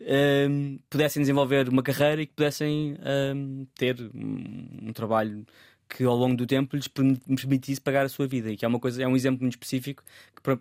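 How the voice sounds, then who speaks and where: A photographer appears as a guest in a casual interview, speaking at a middle pitch with a slightly mellow tone. He's thoughtful, often stopping and repeating words while searching for the right ones. The audio is dry, close-miked, and has no echo.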